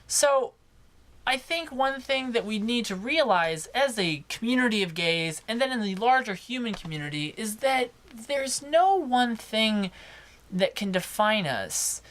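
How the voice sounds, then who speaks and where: A young man with a naturally high voice for a male talks to camera in a casual, personal vlog style. He's unhurried and expressive, leaning on certain words and stretching them out for emphasis.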